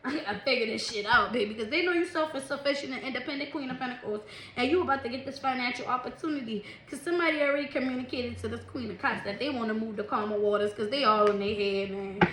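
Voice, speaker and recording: A woman doing a casual tarot reading, chatty and quick to laugh, who calls her listeners "collective" and "baby". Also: on the high side. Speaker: tarot reader. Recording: echoey room, faint noise.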